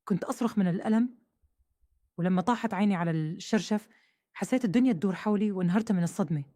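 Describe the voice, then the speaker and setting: Fast-talking woman telling a story. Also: medium pitch, mellow, no echo, studio quality. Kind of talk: first-person audio story narration.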